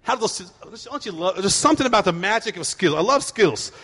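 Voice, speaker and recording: A man's voice: sits high, fairly quick, husky, big-room sound. A middle-aged man preaching a sermon as pastor, telling stories and acting out his kids' voices. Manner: animated storytelling, acting out voices of kids.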